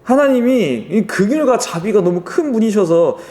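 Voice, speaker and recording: A man's voice: high voice, expressive, normal speed, mellow, voice pushed up. A man voicing a sulky adult prophet who whines and pleads in exasperation. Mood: whiny, pleading.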